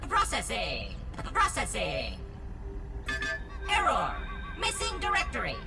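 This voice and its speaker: A woman's voice: medium pitch, huge pitch swings, slow, creaky, heavily acted. A woman voicing a cheerful, formal robot assistant in a video game, speaking in a computerized voice as it processes data with stiff machine phrasing. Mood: processing. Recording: loud game music behind.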